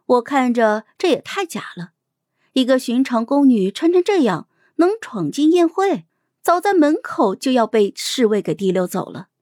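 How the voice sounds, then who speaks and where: A woman hosting and narrating an audiobook, telling the story in an animated, expressive way. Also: high-pitched, moderate pace, no room sound, studio quality.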